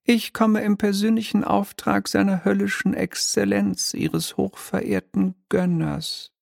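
A man's voice: sits high, level tone, a little slow, vocal fry, a little mellow, no room sound, clean studio sound, pitched above the performer's own voice, heavily acted. A man reading an audiobook, voicing an oily, pompous male demon bailiff from hell with unctuous, mock-polite formality.

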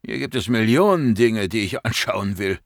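A man's voice: fairly low pitch, expressive, moderate pace, vocal fry, dry recording, studio quality. A man voicing a distracted male archaeologist who talks in a chatty, offhand way, his voice raised above his narrating voice.

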